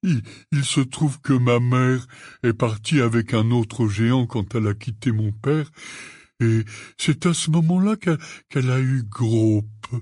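A man doing a slow, stammering, anxious giant. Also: mid-range voice, darkish tone, dry recording, clean studio sound, close to an everyday voice. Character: huge, anxious, tender-hearted half-giant man. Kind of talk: audiobook character reading.

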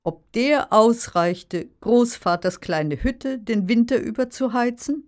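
An actress playing a practical, skeptical daughter who contradicts drily in scripted dialogue. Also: female voice, a little high, slow, a little mellow. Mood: skeptical, questioning. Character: practical, skeptical grown daughter of a nostalgic father. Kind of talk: scripted language-lesson dialogue.

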